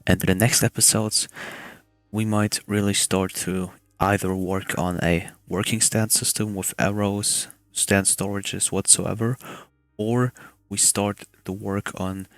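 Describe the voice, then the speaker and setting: A young man talks through a casual game development tutorial in a hushed, quiet-at-night voice. It sits low and has a gravelly fry to it. The sound is close and dry, with faint music underneath. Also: level tone, unhurried, no room sound. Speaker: tutorial host.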